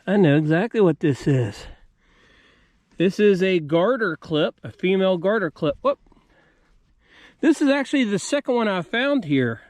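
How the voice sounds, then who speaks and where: Outdoors at an old homesite, a high-voiced American man hosting a metal detecting video talks casually to his viewers in a folksy way, walking through each step like a hobbyist showing off his finds. His voice is slightly mellow, and there's no room sound.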